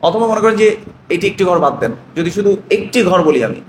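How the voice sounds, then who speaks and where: A man's voice: high-pitched, big pitch swings, fairly quick, echoey room, a little hiss or hum. A man with a Bangladeshi Bengali accent teaching an Arabic grammar class, asking questions and answering them himself.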